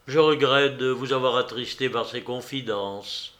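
A man voicing a sincere young male reporter who speaks in measured, earnest sentences. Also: mid-range voice, fairly bright tone, natural voice. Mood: kindly. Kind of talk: audiobook character reading.

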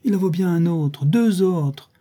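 A man's voice: medium pitch, moderate pace, warm tone, husky, close to an everyday voice. A man voicing a gossipy, scheming old female concierge in a raised, chattering voice.

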